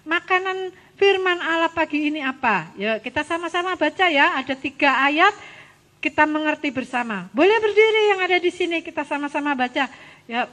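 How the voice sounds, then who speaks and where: A woman gives an animated, coaxing children's sermon as a Sunday school teacher. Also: high-pitched, moderate pace. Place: church hall. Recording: church hall reverb.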